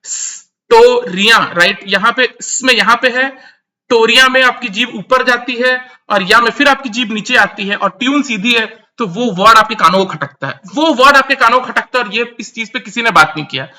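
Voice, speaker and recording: A man with a high, lively voice and a sharp, bright tone breaks down song lyrics in an emphatic commentary. He drives his points home by repeating them. His talk mixes English terms into Hindi. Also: a little fast. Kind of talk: explanatory commentary to camera.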